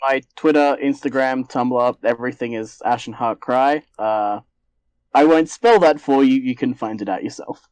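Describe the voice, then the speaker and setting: A man's voice: mid-range voice, normal speed, a little mellow, smooth, dry recording, poor audio. A man chatting casually as a player on a tabletop game show. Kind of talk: casual chat.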